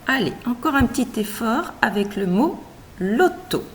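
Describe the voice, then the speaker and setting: A woman's voice: a little high, big pitch swings, measured pace, a little hiss or hum. A woman teacher reading out a scripted reading lesson for young children, splitting words into careful syllables and encouraging the child.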